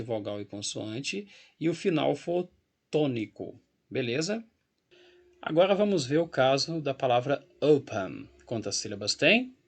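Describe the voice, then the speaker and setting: A man's voice: mid-range voice, breathy edge. A man with a Brazilian Portuguese accent teaching an English grammar lesson, explaining patiently while walking through a website and checking in with the class often. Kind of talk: recorded grammar lesson with screen walkthrough.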